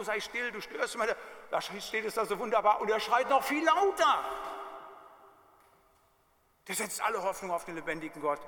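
A male pastor delivers an emphatic sermon in a church, his voice high with a sharp edge. He keeps repeating key words and fires direct questions at the congregation. The recording carries a long church reverb.

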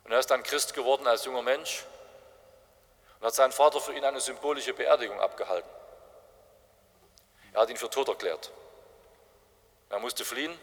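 A man's voice: mid-range voice, moderate pace, pauses often. A man preaching an evangelistic sermon, telling stories with strong emphasis. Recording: long reverb of a large hall.

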